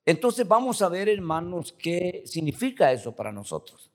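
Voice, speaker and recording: A man's voice: high-pitched, sing-song, normal speed, darkish tone. An older man, a pastor, preaching a sermon in a loose, conversational way, full of repeated words and tag questions to the congregation. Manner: addresses the congregation as brothers throughout.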